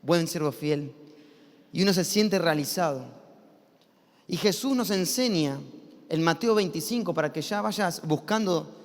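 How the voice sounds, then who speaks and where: A man with a Rioplatense Spanish accent preaching a sermon as an evangelist, stretching key phrases slowly and dropping in conversational asides. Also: a little high. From Argentina. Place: church hall. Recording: long church hall reverb.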